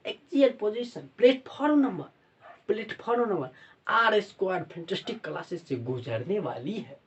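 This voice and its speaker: A male teacher mimicking a male railway station announcer over the loudspeaker, repeating each phrase like a public-address call. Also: high-pitched, slightly rough, highs cut off, heavily acted. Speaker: physics teacher.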